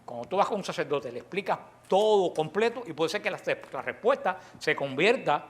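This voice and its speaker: A man's voice: high-pitched, sing-song, brisk. A middle-aged man, teaching in a sermon style, telling stories and acting out the dialogue with emphasis.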